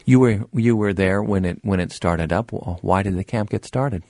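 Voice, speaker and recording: A public radio host, a man with a deep voice and a gravelly creak. He puts interview questions in a halting, unscripted way, restarting words as he goes. The sound is dry and close. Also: a little mellow, dry recording.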